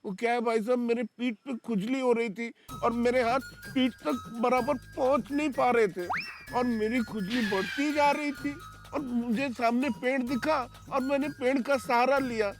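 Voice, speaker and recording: A man's voice: very high-pitched, steady tone, normal speed. A man in a sitcom playing a flustered doctor pinned under a fallen tree, pleading for help. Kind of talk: sitcom acting. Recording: music behind the voice.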